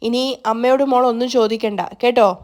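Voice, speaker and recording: A doting young father in a retold serial drama, gentle and coaxing, as a woman narrator reads him. The voice is slightly high and stays close to her own. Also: fairly even intonation, fairly quick, natural voice.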